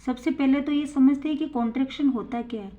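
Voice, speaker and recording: A woman teaching English grammar to learners, explaining step by step and saying each English example slowly and deliberately. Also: high-pitched, mellow. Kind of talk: spoken English lesson for learners. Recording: tinny phone-like sound.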